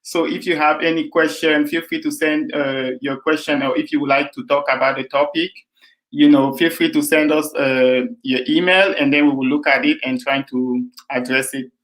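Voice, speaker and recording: A man's voice: a little high, fairly even intonation, normal speed, fairly bright tone. A man from Jamaica hosting a panel discussion, enthusiastic and talking with fillers. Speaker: host.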